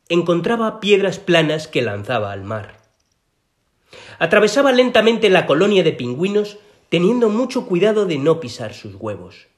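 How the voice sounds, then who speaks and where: A man reading a children's story aloud as narrator, in an expressive way. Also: a little high. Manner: expressive, sing-song reading.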